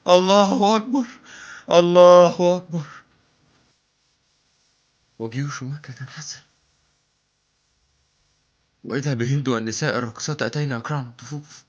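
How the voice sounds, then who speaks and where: A man's voice: mid-range voice, close to an everyday voice. A man acting a tormented, remorseful killer in a hammy, declamatory theatrical verse monologue. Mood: fervent, awed. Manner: hammy, declamatory, swinging from hushed to shouted. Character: Wahshi, tormented remorseful killer confessing his guilt. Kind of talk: theatrical stage monologue in classical Arabic verse. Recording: dull lo-fi recording.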